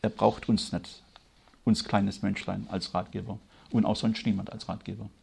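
A German-speaking man preaching a sermon, moving from quiet, measured delivery to loud, high, emphatic passages. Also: little pitch movement, creaky, slightly rough. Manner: grows loud and high-pitched when stirred, slow emphatic stresses.

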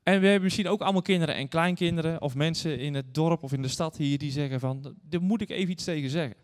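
A guest preacher with a slightly high voice speaks fast and earnestly in an echoing church hall, delivering a sermon that includes Bible reading. He tells stories and addresses the congregation directly, and the recording carries a long church reverb.

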